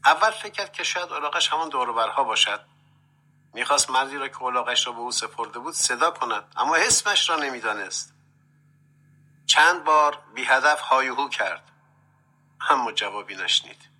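A man's voice: medium pitch, expressive, pushed and bright, breathy edge, low-quality recording. A man telling a folk tale expressively, dropping to a whisper at tense moments. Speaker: storyteller.

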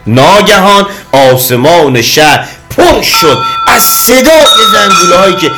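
A man narrating a children's story with a lively, expressive reading. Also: high-pitched. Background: soft music.

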